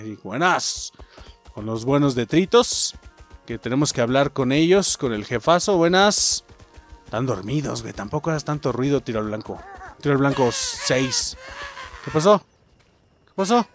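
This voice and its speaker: A young Mexican-accented man narrating his gameplay with a lively voice that swings up and down, sitting a little high. He jokes, swears casually and keeps calling out to his viewers. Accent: Mexican Spanish. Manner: excitable, jokey, swears freely, talks to viewers as muchachos. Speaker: gaming streamer. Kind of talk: casual let's-play commentary.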